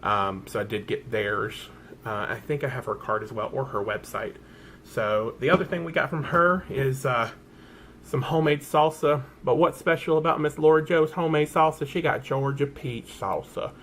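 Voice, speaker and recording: A chatty man with a light Southern American drawl talks through a haul in an easygoing, rambling way. He stumbles over words and corrects himself as he goes. His pitch sits in a middling range, with a faint hiss of background noise. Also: normal speed, a bit bright. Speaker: vlogger. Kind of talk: casual product haul chat.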